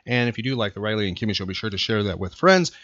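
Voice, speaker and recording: An American podcast host runs a casual talk show in a studio, speaking rapid-fire in a fairly low, fairly bright voice with lively intonation. He's emphatic and repeats phrases for effect, and the lo-fi recording is dry, slightly dull and echo-free.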